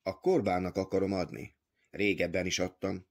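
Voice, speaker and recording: A man voicing a proud, defiant ancient man who has repented, speaking calmly and firmly in an audiobook reading. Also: sits low. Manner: calm, firm, stubborn.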